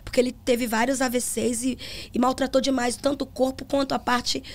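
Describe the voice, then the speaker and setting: Middle-aged female pastor and singer, podcast testimony, gravelly voice pitched a bit high. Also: little pitch movement, brisk. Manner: earnest storytelling, acts out dialogue.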